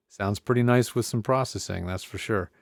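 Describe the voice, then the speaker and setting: A fairly low, gravelly male voice at a moderate pace comes through with no room sound. He's a tech reviewer doing an informal tutorial in his home studio, talking into a condenser mic on a desk arm and casually running frequent mic checks and counts, a computer humming faintly.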